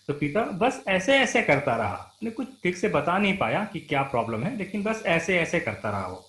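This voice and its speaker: Animated male teacher explaining a lesson. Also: fairly high pitch, moderate pace. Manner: reads a line, then paraphrases it simply. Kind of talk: explaining a textbook play. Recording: roomy echo.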